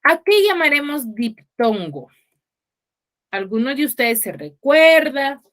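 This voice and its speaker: Patient woman teacher on an online class call, slow and sing-song, keeps checking understanding. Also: high-pitched, very animated, a bit bright. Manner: patient, asks the class "¿ya?" often. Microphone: video call.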